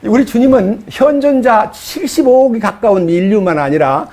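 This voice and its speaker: A man's voice: high-pitched, moderate pace, dark tone. A man preaching a sermon, reading scripture passages aloud and explaining them with rising, pleading emphasis.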